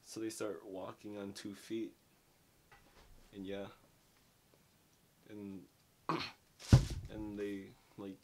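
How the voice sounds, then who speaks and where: A man's voice: fairly low pitch, little pitch movement, drawn-out words, pauses often, a bit bright, a little hiss or hum. A young man giving a casual spoken book review, rambling in slang with lots of filler words, filmed in a small dim bedroom.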